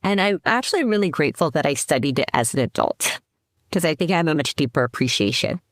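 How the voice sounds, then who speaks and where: A middle-aged woman from the Seattle area in the United States, a company CEO appearing as a podcast guest, tells her story in casual interview talk. Her low voice is expressive and she talks fast, reflecting aloud with frequent restarts and fillers. The recording is dry and studio quality.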